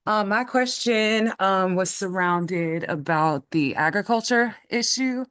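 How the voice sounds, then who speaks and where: A woman's voice: mid-range voice, slow pace, a bit bright, clear, resonant tone. A woman from Chicago asking a long question in an online panel, slightly out of breath and full of ums. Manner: earnest, explains at length with many ums. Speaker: audience member asking a question. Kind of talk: webinar question.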